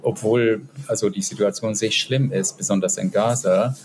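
A man's voice: lowish voice, fairly even intonation, normal speed. A man from Israel answering interview questions in non-native German, often searching for words and correcting himself. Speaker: interview guest. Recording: audible background noise.

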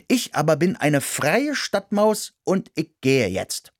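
A man voicing a stubborn, cheeky male city mouse who talks in a high, snappy way. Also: wildly swooping pitch, slow, no echo, clean studio sound, exaggerated voice. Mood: defiant. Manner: squeaky, defiant, snappy.

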